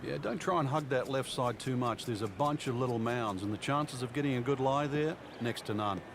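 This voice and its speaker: A man's voice: medium pitch, brisk, lightly acted. A man giving conversational, explanatory golf commentary as the analyst alongside an announcer. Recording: loud outdoor background noise.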